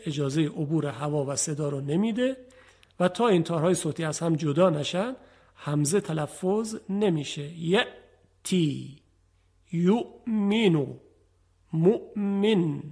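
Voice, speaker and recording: A man teaching Quranic letter pronunciation in a formal televised lesson, explaining patiently and drawing out example words slowly. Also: fairly high pitch, darkish tone, breathy edge. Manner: formal, patient explaining with slow drawn-out demonstrations.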